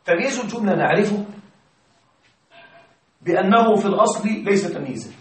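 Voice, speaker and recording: A man with a fairly high voice leads a grammar lesson, putting questions to his students and spelling out each example slowly. He is recorded from some distance away, in a classroom with heavy echo. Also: animated. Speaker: Arabic grammar teacher. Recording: echoey classroom from far off.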